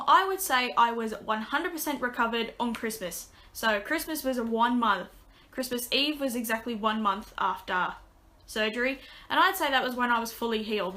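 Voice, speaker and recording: In a small bedroom, a young vlogger talks into a desk webcam, rambling through a casual update. Her slightly raspy voice sits a little high and sounds bright and forward, and she's chatty, often trailing into ums and restarting sentences.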